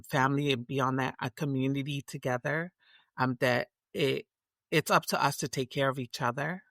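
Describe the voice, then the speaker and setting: A woman's voice: a bass voice, creaky, a bit bright, no room sound. Reflective Tongan-born woman, dry sound. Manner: reflective, many restarts and fillers. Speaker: guest. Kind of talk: casual interview conversation.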